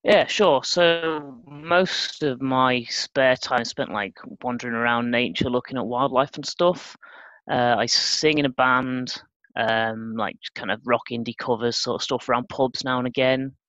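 A man's voice: mid-range voice, fairly even intonation, unhurried, fairly bright tone, no echo. Dry-voiced middle-aged man, lo-fi call. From Sheffield, England. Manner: thoughtful, dry understatement. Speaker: guest. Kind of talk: casual interview chat.

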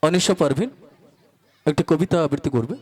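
Guy hosting a school show, flowery formal announcing, voice on the high side. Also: normal speed, slightly rough. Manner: formal and poetic, quoting a verse and calling up performers. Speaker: emcee of a school function.

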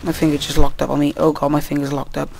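A man's voice: fairly high pitch, completely flat delivery, fast talker, vocal fry, darkish tone, a little hiss or hum. A tired young man, rambling through casual gameplay commentary and swearing at the game, recorded at home on a computer mic. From Wales.

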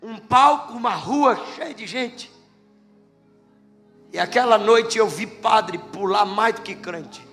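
A male Brazilian pastor preaching a sermon, telling a testimony as a lively storyteller who jokes with the congregation. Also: high voice, slow pace. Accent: Brazilian Portuguese. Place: church hall. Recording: long church hall reverb with faint music.

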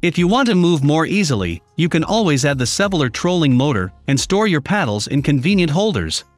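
A man giving scripted voice-over narration for a product review, in an even, read-aloud listing delivery. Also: on the high side, brisk, no echo. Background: faint background music.

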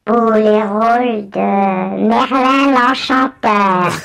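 A woman's voice: medium pitch, fairly even intonation, drawn-out words, gravelly, a bit bright. A woman heard through an electronic voice distorter, giving coy, teasing answers as a hidden radio guest. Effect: electronically disguised, distorted voice. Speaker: mystery guest on a radio panel game. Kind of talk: playful radio quiz banter.

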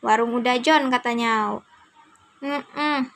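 A woman's voice: a little high, takes it slowly, a bit bright. A young woman with an Indonesian accent teaching a class, encouraging her students and patiently correcting their pronunciation. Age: young adult.

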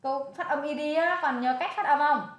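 A woman's voice: sits high, fairly quick. A woman with a Vietnamese accent tutoring a student in English, coaxing and repeating the answers. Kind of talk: one-on-one tutoring session. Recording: echoey room.

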